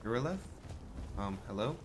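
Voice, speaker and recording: A role-playing game player with a lowish, everyday-sounding voice improvises in character as a mild, grumbling adventurer, speaking at normal speed with lively intonation. He mutters his musings in a hesitant, conversational way, with background noise in the recording.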